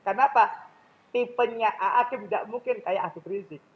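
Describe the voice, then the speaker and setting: A man's voice: high-pitched, moderate pace, dull audio. A man with a Javanese accent giving a public speaking lecture in a mosque, often questioning his audience directly.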